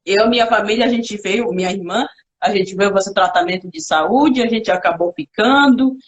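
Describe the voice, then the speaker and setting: On a casual live video interview, this young woman from the Xingu, whose native language is Kalapalo, answers in Portuguese. The audio sounds dull, her voice sits in the mid range, and she speaks haltingly, pausing to think and starting over.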